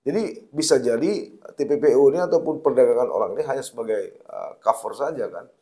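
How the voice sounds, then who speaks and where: Male interviewer, young adult, conversational and probing, mid pitch. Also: fast talker, warm tone. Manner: probing, thinking aloud with hesitations.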